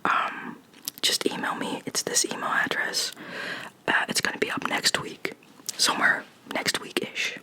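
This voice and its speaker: This is an ASMR host leaning into a microphone that has a sock stretched over it. The voice stays in a breathy whisper that now and then lifts into soft speech. The talk rambles, giggles and stumbles over its own words. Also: measured pace, poor audio. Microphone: close microphone covered with a sock.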